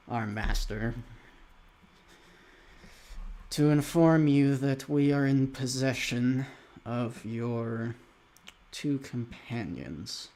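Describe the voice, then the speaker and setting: A man playing a thin, hooded male dragonborn in a tabletop game, speaking slowly, quietly and with cold contempt. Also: medium pitch. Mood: formal.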